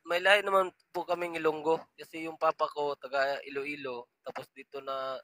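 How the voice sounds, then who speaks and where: Polite bright-voiced Visayan man. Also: fairly high pitch, flat delivery, moderate pace, rough recording. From Mindanao, Philippines. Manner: polite and hesitant, full of fillers. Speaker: caller on a matchmaking show. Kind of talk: casual chat.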